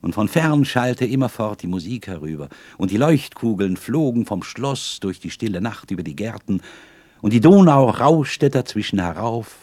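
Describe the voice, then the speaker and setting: Low, expressive male audiobook narrator. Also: normal speed, dry recording. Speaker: audiobook reader. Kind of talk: scripted literary narration.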